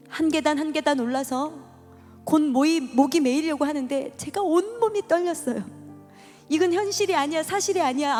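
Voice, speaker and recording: Woman, high pitch, emotional church testimony, dramatic storyteller, reverberant hall with soft music under. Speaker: testimony speaker.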